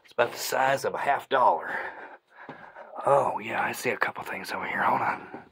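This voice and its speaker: A man talking casually as he explores inside a cave, hosting his own video, with a husky, breathy voice that often drops into hushed asides. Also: medium pitch, brisk, a little hiss or hum. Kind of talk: casual vlog narration while exploring. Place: inside a tight limestone cave.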